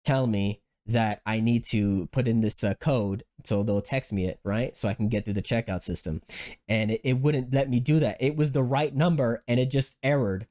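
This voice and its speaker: With lots of swearing and restarts, a podcast host relates a story in informal chat at a middling pace. He's animated, and his voice shoots up when he imitates what he himself said.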